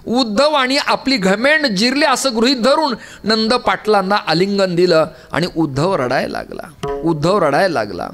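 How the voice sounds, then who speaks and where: A man with a high voice delivers a devotional kirtan sermon in a temple hall. He tells the story by acting out its characters' lines. On emphatic calls his pitch leaps steeply upward. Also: sing-song, normal speed, fairly bright tone, faint music behind. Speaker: kirtan preacher.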